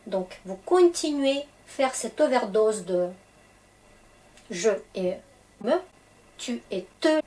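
Slow, patient Russian-accented woman teacher. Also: on the high side, lively intonation, mellow. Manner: slow, patient explaining with frequent checks. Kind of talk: grammar lesson for French speakers.

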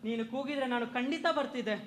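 A man's voice: very high-pitched, steady tone, fast talker, slight background noise. A man acting a remorseful husband in a stage drama, pleading and defensive.

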